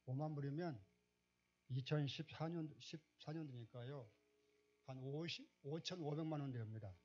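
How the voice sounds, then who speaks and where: A man preaching a sermon as a pastor, telling a story and rising to loud, emphatic exclamations. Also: fairly high pitch, moderate pace, slightly rough. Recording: dull, muffled recording.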